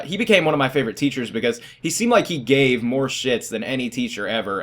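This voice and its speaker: A teenage boy casually telling stories about his school days, rambling and self-deprecating, often laughing at himself. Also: medium pitch. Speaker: vlogger. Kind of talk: casual storytelling.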